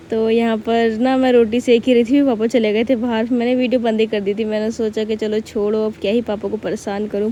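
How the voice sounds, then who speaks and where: A woman's voice: on the high side, mellow, slight background noise. A young woman narrating her own day for a vlog in a chatty, homely way, full of small fillers. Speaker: vlogger. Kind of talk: casual vlog voice-over narration.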